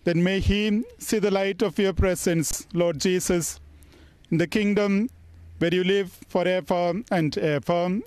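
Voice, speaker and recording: A man speaking as a priest, reading solemn graveside prayers in a measured, deliberate way with pauses between phrases. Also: high voice, steady tone, darkish tone, clear, resonant tone, dry recording. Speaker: priest leading a funeral burial service. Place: funeral service in New Delhi.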